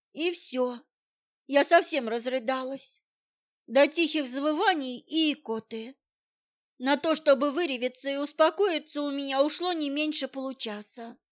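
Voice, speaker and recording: A woman reading a novel aloud in first person, with a wry, irritable edge. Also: sits high. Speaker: audiobook narrator. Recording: dull lo-fi sound.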